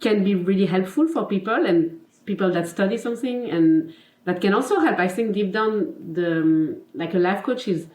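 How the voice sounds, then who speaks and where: In a reverberant, rough recording, a confidence and life coach from Geneva with a French-speaking Swiss accent talks in a mid-range, darkish voice at a moderate pace. As a casual interview guest she laughs a lot and leans on "you know" and "like."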